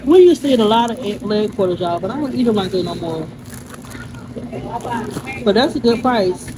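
A vlogger chats animatedly to her viewers at normal speed while shopping in an indoor meat store and supermarket aisles, reading prices aloud in a medium-pitched voice. She films on a handheld phone with the selfie camera, and the store noise comes through clearly.

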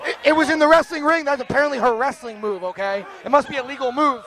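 A man's voice: very high voice, fast, sharp tone. A man calling a wrestling match play-by-play, joking and bantering with his co-commentator.

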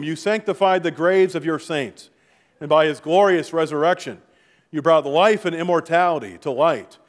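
A middle-aged man speaking as a pastor at a funeral, reading liturgy and prayers in a solemn, measured, formal way. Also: fairly high pitch. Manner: solemn, measured, formal delivery with falling phrase endings. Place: large church sanctuary, indoors before a congregation. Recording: reverberant church hall.

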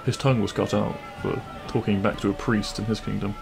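A man voices a cheeky, kind-hearted bandit prince in an intimate audio roleplay, gravelly and teasing yet reassuring. His pitch is on the low side with fairly even intonation, and he speaks fairly quickly over music.

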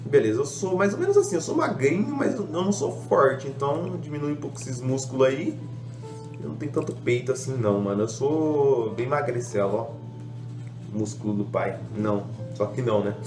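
Music plays behind this gaming YouTuber, a young man whose medium-pitched voice is animated and moderately paced in a roomy space. His meandering commentary is loaded with slang and self-mocking humor. A cold leaves him slightly stuffy.

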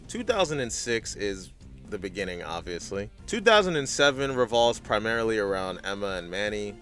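Recap host: man with a lowish, very bright voice, blunt and sweary casual commentary.

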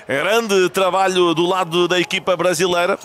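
High-pitched, excitable Portuguese male esports caster. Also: moderate pace, faint music behind. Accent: European Portuguese. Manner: excitable, rising with the action. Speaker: esports play-by-play commentator. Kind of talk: live esports match commentary. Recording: clear noise behind, game ambience.

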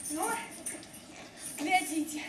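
A woman's voice: extremely high pitch, extremely slow, heavily acted. A young woman acting a naive, bashful village wife in a stage comedy, with folksy exclamations. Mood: delighted. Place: theatre stage, indoors. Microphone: far camera in the audience. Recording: very noisy, echoey theatre from far off.

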